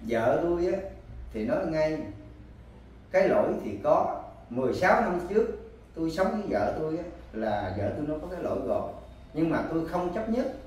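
A man with a southern Vietnamese Mekong Delta accent tells his story in halting, circling sentences. His voice sits a little high and is picked up from a distance. The recording is very echoey, with faint ambient noise behind. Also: sing-song, darkish tone. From Cà Mau, southern Vietnam. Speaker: husband searching for his missing wife. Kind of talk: personal account in an interview.

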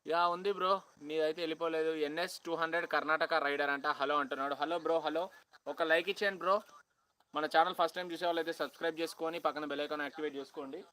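A young man from Telangana with a Telangana Telugu accent, chatting loudly with viewers on a phone live stream outdoors on a college campus, half-shouting and greeting people by name. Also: on the high side, fairly even intonation, racing, smooth, rough recording. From Telangana, India. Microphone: phone held at hand, no external mic.

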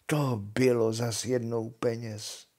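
An older grandfather reading a fairy tale aloud to his grandchildren, telling it in an animated storytelling way. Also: mid-range voice.

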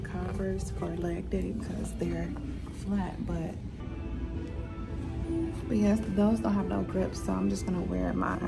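Chatty young woman with a gravelly edge. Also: mid-range voice. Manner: chatty, rambling, self-correcting. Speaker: vlogger. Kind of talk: casual get-ready-with-me vlog talk. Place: bedroom at home, then a gym locker room.

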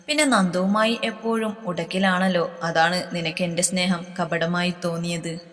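Woman reads a pleading young male lover in a storybook reading, lowish pitch, reverb-heavy. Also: lightly acted. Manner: earnest, pleading. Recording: long reverb.

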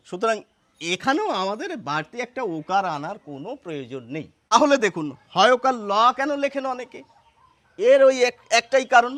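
Male instructor, high-pitched voice, methodical explanatory lesson full of rhetorical questions. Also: fairly bright tone. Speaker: Bengali spelling teacher.

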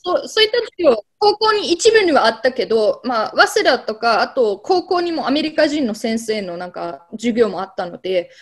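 A young woman talks easily as an interview guest, her voice sitting a little high. She rambles in a relaxed way, filling pauses with small hesitations and restarting her sentences. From Germany. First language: German. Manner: chatty, many fillers and restarts. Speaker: interviewee, German teacher. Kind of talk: casual conversational interview.

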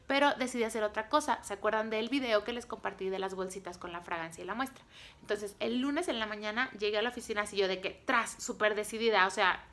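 Animated Mexican woman telling a motivational story. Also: medium pitch, fast talker. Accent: Mexican Spanish. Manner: animated, acts out dialogue, punchy short phrases. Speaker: direct-sales team leader.

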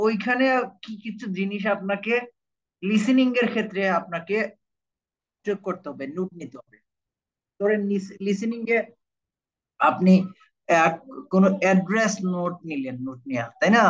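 The same kind of session: a Bangladeshi instructor running an IELTS class online, going over key terms repeatedly and checking comprehension. His voice sits high with a slightly bright quality, captured in a muffled recording.

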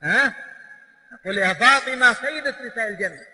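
A man's voice: very high voice, animated, fairly quick, pushed and bright. A man preaching a sermon lecture who keeps asking the audience rhetorical questions. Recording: long hall reverb.

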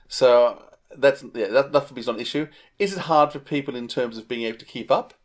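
Speaking briskly at a medium pitch, a middle-aged man with an Australian accent chats casually as a podcast co-host on a video call.

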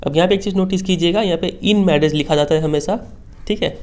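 A man's voice: high-pitched, a little fast, darkish tone. A male teacher patiently explaining a school text line by line, often checking that students follow.

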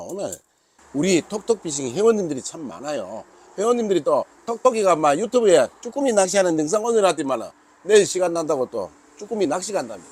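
A man's voice: on the high side, darkish tone, slight background noise. A man in his sixties with a Gyeongsang accent, a rod maker chatting to camera about his product, joking and calling himself by his nickname. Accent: Gyeongsang Korean. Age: 60s. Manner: jokey, calls himself by nickname, bantering with himself. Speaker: fishing rod maker and seller. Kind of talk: casual product talk to camera.

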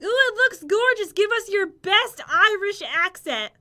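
A woman's voice: very high voice, expressive, unhurried, pushed and bright. A woman playing along as a guest in a casual gameplay video, playful and giggling often. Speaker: co-player, guest.

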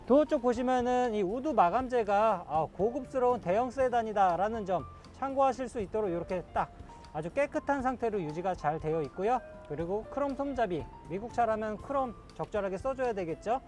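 Casting: male used car salesman, extremely high-pitched, slick and smooth sales patter. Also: expressive, fairly quick, darkish tone, soft background music. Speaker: used car dealer presenter. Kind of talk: car interior sales presentation.

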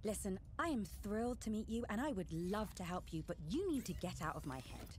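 A woman's voice: mid-range voice, sing-song, fairly quick, slight background noise, natural voice. An actress voicing a young woman diver in a video game, blunt and sarcastic in her replies.

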